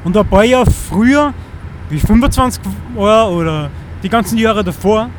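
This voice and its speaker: A man in his thirties with an Austrian German accent delivers an earnest, rambling monologue, often restarting as he hunts for words. His voice is high-pitched, at normal speed, with background noise.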